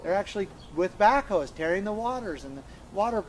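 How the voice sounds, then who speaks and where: A man with a slightly high voice tells his story in a conversation, earnest and emphatic. He often repeats and restarts his words as he goes. There is a faint hiss of background noise in the recording. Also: animated, brisk, rough recording. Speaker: interviewee recounting events.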